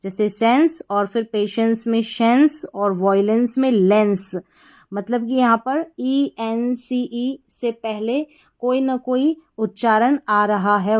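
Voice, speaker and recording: A woman teaching English phonics in a patient, repeating way, asking her students questions. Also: fairly high pitch. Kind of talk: phonics lesson.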